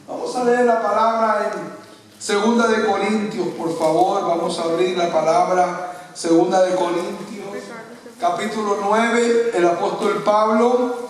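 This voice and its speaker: A man preaching a sermon as pastor, telling stories, calling the listeners brother and acting out the people he quotes. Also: high voice. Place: church. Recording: echoey church hall, voice from far off the mic.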